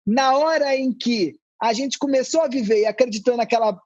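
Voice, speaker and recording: A man who is an anthropologist, a guest on a podcast, explaining ideas in a relaxed, conversational way with playful asides. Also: very high-pitched, moderate pace, dry recording, lo-fi sound.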